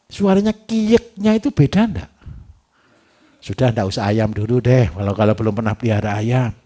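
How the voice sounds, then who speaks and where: A man giving a livestock farming workshop, lively and teasing, who keeps asking his audience rhetorical questions. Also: mid-range voice, moderate pace. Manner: animated, repetitive, teasing.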